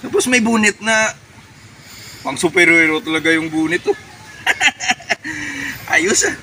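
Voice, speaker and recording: Man acting an excitable would-be superhero, noisy outdoors. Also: fairly high pitch, moderate pace. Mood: gleeful, excited. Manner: exclamatory, melodramatic self-talk with villain-like laughing. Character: excitable naive man turning superhero after a chicken peck. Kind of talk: solo comedy skit acting, thinking aloud. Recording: noisy outdoor recording with vehicle sounds.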